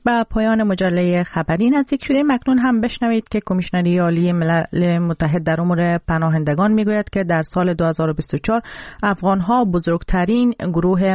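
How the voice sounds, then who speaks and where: A man's voice: high-pitched, a little mellow, no room sound. A man with an Afghan Dari accent hosting a radio news magazine. He presents formally and speaks directly to the listeners.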